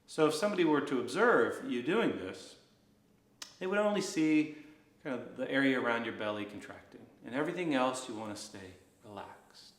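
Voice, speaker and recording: A man instructing a guided breathing practice in an unhurried, gently reassuring manner. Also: medium pitch, expressive, reverberant.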